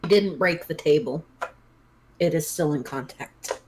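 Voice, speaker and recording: A woman narrating as game master of a tabletop role-play session, encouraging and quick to laugh. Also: low-pitched, slight background noise. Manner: lively and encouraging, laughs often.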